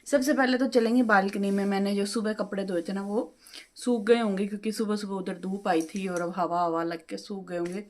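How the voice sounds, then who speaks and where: A middle-aged woman vlogger chatting at home, talkative and quick with her words. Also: mid-range voice, steady tone, darkish tone. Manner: talkative, fast-talking. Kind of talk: casual home vlog chat. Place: home, balcony and kitchen.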